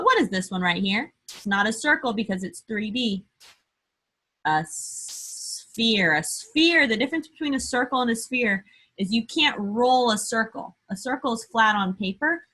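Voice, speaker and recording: A woman's voice: mid-range voice, fairly bright tone, husky. A young woman teaching young children remotely, asking simple questions patiently and stressing key words, as if talking to a toddler. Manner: emphatic, sounding out key words slowly. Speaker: early-grade teacher. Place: indoor room, screen-share lesson.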